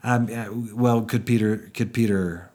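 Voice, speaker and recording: Male Bible teacher, lower register, casual and chatty, restarts sentences a lot. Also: steady tone, measured pace, a little mellow. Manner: conversational, with frequent restarts and fillers.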